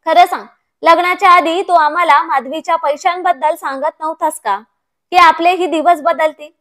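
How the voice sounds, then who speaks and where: A woman voicing an older mother who speaks calmly and firmly. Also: very high voice, moderate pace. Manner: soothing then firm. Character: older mother, calm, firm and dignified.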